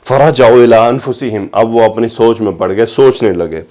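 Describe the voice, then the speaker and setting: A man with a mellow, mid-range voice lectures on Arabic grammar in scripture. He slowly recites each phrase, explains it, and pushes his voice up when stressing a point.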